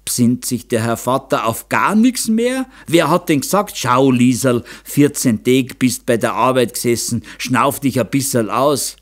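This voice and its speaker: A man's voice: mid-range voice, animated, unhurried, few pauses, close to an everyday voice. A man voicing a spoiled, pert young Bavarian woman who answers back indignantly. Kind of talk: audiobook character voice.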